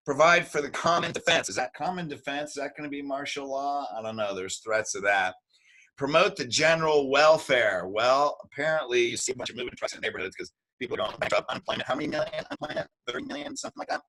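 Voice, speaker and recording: Bright-voiced upbeat man hosting a podcast. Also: medium pitch, rough recording. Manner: rambling, jokey, upbeat. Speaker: podcast host. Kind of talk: casual podcast talk.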